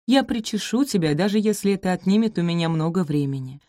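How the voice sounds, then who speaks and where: A woman's voice: on the low side, animated, fast, dark tone, no echo, clean studio sound, close to an everyday voice. A woman voicing a patient kind young maid. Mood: reassuring. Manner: soothing, reassuring.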